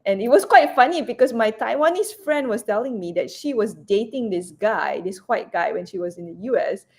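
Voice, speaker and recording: A woman's voice: on the high side, expressive, moderate pace. Rambling woman chef with many fillers. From Asia, Cantonese-speaking region. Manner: rambling, many fillers and restarts, bursts of laughter. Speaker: raw food chef and cookbook author, guest. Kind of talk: casual interview chat.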